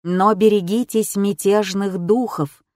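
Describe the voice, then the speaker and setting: Woman narrator, first-person audiobook, measured and calm, mid-range voice, dry close recording. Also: medium pitch, no echo.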